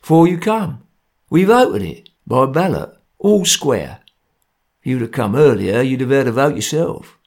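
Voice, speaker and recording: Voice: medium pitch, very animated, unhurried, a little mellow. A narrator voicing a blunt, menacing ringleader who bullies a weaker man, in a storybook reading. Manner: grim, blunt, bullying. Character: tough, menacing Cockney ringleader.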